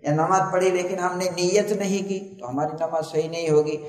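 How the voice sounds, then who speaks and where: A man's voice: high-pitched, steady tone, darkish tone. A man giving a methodical religious lecture, listing conditions one by one and quoting Arabic terms. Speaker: Islamic preacher. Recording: echoey hall, voice from far off.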